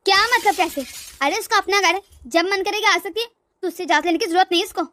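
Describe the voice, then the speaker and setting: A woman's voice: extremely high pitch, quick pace, a bit bright. A woman voicing a bossy, scornful older mother-in-law in a cartoon, nagging and haughty. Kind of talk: cartoon voice acting.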